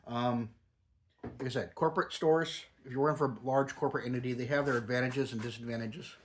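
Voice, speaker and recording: The recording has slight background noise as a middle-aged or older man, a grandfather, speaks fairly quickly in a steady, mid-range voice. He's a product reviewer who chats and rambles casually like a home reviewer, with a lip full of dip.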